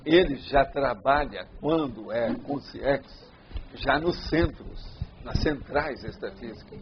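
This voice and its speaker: A man's voice: mid-range voice, slow, a little hiss or hum. An older man with a Brazilian Portuguese accent, answering students' questions in a lecture, playful and teasing, who keeps asking whether they follow. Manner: playful, jokes with the audience; repeats checking questions. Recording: muffled lo-fi recording.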